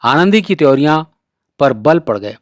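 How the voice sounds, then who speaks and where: A man reading a classic short story aloud as a storyteller, with steady, expressive narration. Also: on the high side, moderate pace, no echo, studio quality.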